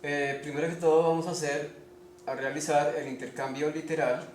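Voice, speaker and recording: A man giving a slow spelling lesson, speaking deliberately, pausing often and checking in with his listeners. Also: fairly high pitch, flat delivery, a little mellow. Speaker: language teacher. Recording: echoey room with faint background noise.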